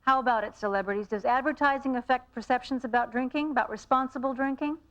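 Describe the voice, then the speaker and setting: Higher-voiced woman quiz co-host, scripted delivery, heard through a dull worn tape copy. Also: quick pace, fairly bright tone. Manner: reads quiz questions and options out evenly. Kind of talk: scripted TV presenting.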